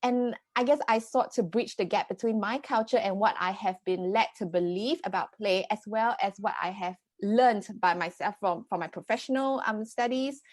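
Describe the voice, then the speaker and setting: A woman's voice: mid-range voice, moderate pace, hardly any pauses, no room sound. A woman in her thirties from Singapore, a parenting coach earnestly explaining her ideas as a podcast guest. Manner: earnest, many fillers and restarts. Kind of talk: conversational podcast interview.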